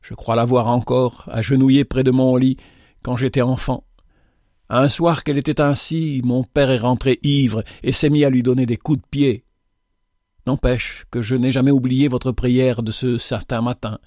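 Man doing a gruff bandit chief, brusque but earnest, storybook reading, dry mic. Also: medium pitch, fairly even intonation, moderate pace, a little mellow, no room sound, lightly acted. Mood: remorseful. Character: gruff remorseful male bandit leader.

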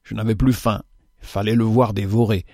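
A man's voice: lowish voice, level tone, normal speed, darkish tone, no room sound, clean studio sound. A man doing a humble ragged beggar. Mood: earnest. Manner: humble, earnest storytelling. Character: humble ragged male beggar, meek and compassionate.

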